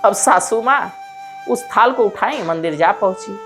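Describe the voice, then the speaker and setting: A woman's voice: mid-range voice, expressive, a little slow, fairly bright tone, soft background music. A woman narrating a devotional story in an earnest, sing-song manner and addressing her listeners directly.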